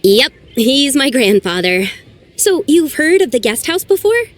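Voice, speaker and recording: Voicing a young woman archaeologist in game dialogue, a woman sounds earnest and anxious, sighing about her troubles. Her delivery is high-pitched and sing-song at a measured pace.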